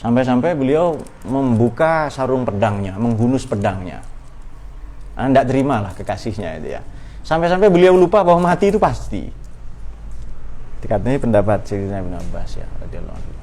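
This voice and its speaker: A man's voice: medium pitch, big pitch swings, moderate pace, a little mellow. Man giving a casual sermon. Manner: conversational, rhetorical questions, playful asides. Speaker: Islamic religious teacher. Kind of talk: informal religious study talk.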